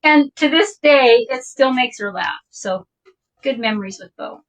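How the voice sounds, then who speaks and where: Lady rambling thru an old story, laughs a lot, kinda high voice, sounds a bit away from the mic. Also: expressive, measured pace, recorded from a distance, low-quality recording. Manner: chatty, rambling, laughs often while telling. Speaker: vintage shop owner telling a personal story. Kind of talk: casual storytelling.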